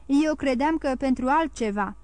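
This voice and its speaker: A woman's voice: high-pitched, a little mellow, no echo, pitched above the performer's own voice, natural voice. A woman voicing a grim, scheming innkeeper's wife with a tremulous, sly and menacing way of speaking.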